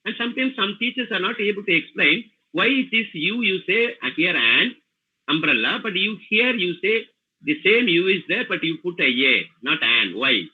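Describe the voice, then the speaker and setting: Halting Indian English man on a tinny call. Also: high-pitched, animated, slightly rough. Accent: Indian English, Tamil Nadu. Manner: halting, many fillers and "you know, no?" tags. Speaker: language trainer. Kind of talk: webinar lecture. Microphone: video call. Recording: tinny phone-like call audio.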